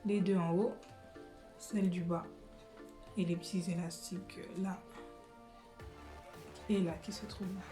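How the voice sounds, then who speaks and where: A woman's voice: lowish voice, steady tone, a little slow, pauses often, warm tone, faint music behind. A young woman chatting casually in her living room during a wig try-on vlog, hesitant and full of fillers and restarts. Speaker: beauty vlogger.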